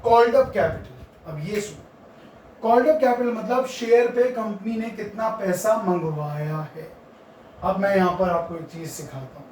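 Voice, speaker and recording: High-voiced male teacher in an echoey room. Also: moderate pace, a little mellow, slight background noise. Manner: quizzes the students and answers his own questions; repeats key terms for emphasis. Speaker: accounting teacher. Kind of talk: classroom lecture. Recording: very echoey room, mic far off.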